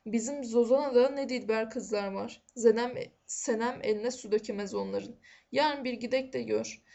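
Woman doing a gentle older village uncle, storybook, gravelly voice. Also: on the high side, normal speed, lightly acted. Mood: consoling. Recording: dull lo-fi recording.

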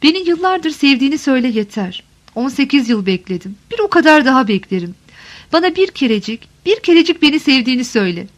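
A desperate middle-aged wife pours out her longing in a high, tender voice, read by a woman. She pleads and insists with deep emotion, as in an audiobook of a literary novel. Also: very animated, fast. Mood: pleading. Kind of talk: audiobook reading.

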